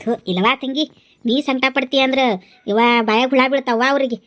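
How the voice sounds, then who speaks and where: A woman's voice: sits high, steady tone, a little fast, a bit bright. A woman voicing an older motherly village woman in a cartoon, coaxing and chiding in a North Karnataka accent. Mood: consoling. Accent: North Karnataka Kannada. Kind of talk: cartoon voice acting.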